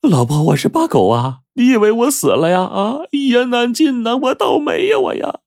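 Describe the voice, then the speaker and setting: A man doing a high, wailing frightened peasant. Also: sing-song, moderate pace, gravelly, darkish tone, no room sound, clean studio sound, exaggerated voice. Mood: distraught. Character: terrified, whining peasant man pleading for his life. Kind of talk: storyteller's acted dialogue.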